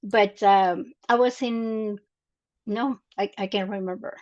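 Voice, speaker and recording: A woman's voice: medium pitch, steady tone, slow, darkish tone. Earnest woman from Mexico, muffled audio. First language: Spanish. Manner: earnest, hesitant, many fillers and restarts. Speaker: guest, Army veteran. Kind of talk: interview, personal story.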